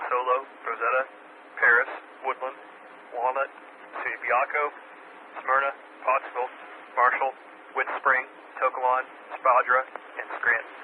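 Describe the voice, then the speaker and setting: A man reading weather bulletins as net control, heard over a two-way radio with static, steady and spelling out names with an occasional "uh.". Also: mid-range voice. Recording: tinny radio transmission with static hiss.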